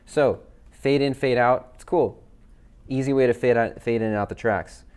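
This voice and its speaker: A man, a worship leader, walking viewers through app features in a relaxed, chatty way with fillers. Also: medium pitch, normal speed, smooth. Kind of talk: casual software demo. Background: backing tracks playing.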